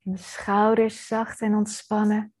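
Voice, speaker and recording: A woman leading a guided body-scan meditation as a teacher, gently and soothingly with pauses, in a slightly husky, breathy voice. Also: medium pitch, completely flat delivery.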